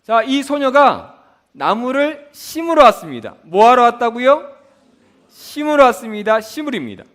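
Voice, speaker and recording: A man's voice: very high voice, big pitch swings, moderate pace, fairly bright tone. A man teaching a Bible school lesson with memory tricks, often asking the class a question and then answering it himself. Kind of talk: mnemonic lesson with call-and-response questions.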